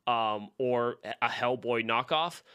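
A podcast co-host with a bright, forward tone talks loosely and at length. He rambles, restarts and leans on fillers while sharing opinions in a casual chat. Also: mid-range voice, slow pace, smooth.

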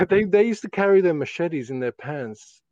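A man's voice: high-pitched, lively intonation, normal speed, darkish tone, no room sound, dull audio. A middle-aged man with a broad Australian accent, telling rambling stories in casual, sweary, slang-filled chat.

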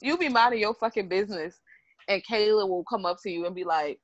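A young woman co-hosting a podcast in casual chat, blunt and profane with deadpan teasing. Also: medium pitch, fairly quick, dry recording. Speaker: podcast co-host. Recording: dry, muffled lo-fi audio.

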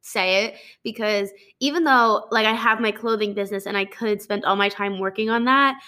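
A woman in her twenties hosts a casual solo podcast on a studio microphone, her mid-range voice pushed and bright at normal speed. She's chatty and upbeat, rambling with plenty of fillers and laughing as she talks.

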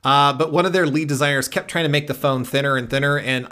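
A man's voice: a little high, quick pace, bright, forceful tone. A man co-hosting a casual tech podcast, explaining things at length with many restarts and fillers. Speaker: podcast co-host.

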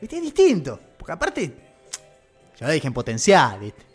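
A man's voice: on the high side, wildly swooping pitch, normal speed, husky. A man with a Rioplatense Argentine accent giving a rambling, joking live-stream monologue, often interrupting himself with slang. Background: faint background music.

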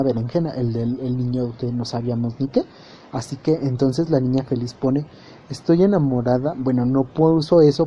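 A man's voice: mid-range voice, warm tone, dull audio, slight background noise. A man hosting a podcast, wryly recounting chat messages in a jokey, casual way. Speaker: podcast host.

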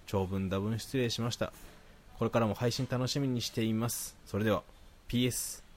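A man with a Nagoya accent, a podcast co-host reading listener mail aloud in a calm, even voice and chatting casually. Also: fairly low pitch. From Nagoya, Japan.

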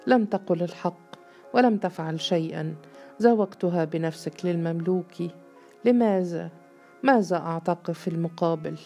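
A man's voice: fairly high pitch, moderate pace, dark tone, faint music behind, close to an everyday voice. A woman voicing a young man who angrily accuses a sheikh, speaking in a bitter, accusing way. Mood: bitter anger.

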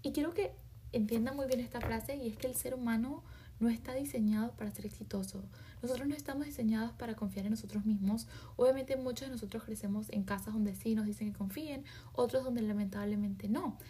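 A woman hosting a self-help podcast, talking emphatically with many rhetorical questions and slangy asides, often dropping into soft half-whispers. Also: a little high, fairly quick, slightly rough. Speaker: podcast host. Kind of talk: motivational self-help monologue.

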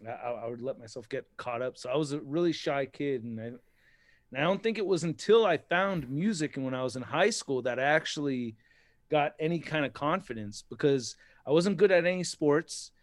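A man's voice: fairly high pitch, animated, brisk, no room sound. A man chatting casually as a guest, rambling with lots of fillers and restarts, often laughing at himself. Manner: laughs often, self-deprecating. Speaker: interview guest. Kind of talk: casual podcast chat.

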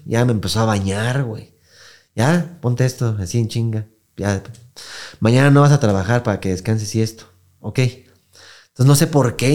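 A young Mexican man co-hosting a podcast. He tells his story in a casual, slang-heavy way and keeps slipping into the voices of the people in it. His voice sits at an ordinary middle pitch. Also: darkish tone. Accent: Mexican Spanish. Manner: slangy, acts out quoted voices, laughs often. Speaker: podcast co-host.

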